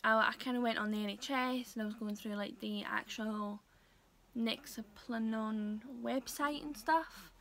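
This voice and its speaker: A young woman talking casually to her viewers in a vlog, hesitant and full of pauses and fillers. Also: a little high, steady tone, fairly bright tone. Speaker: vlogger. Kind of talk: casual vlog talk to camera.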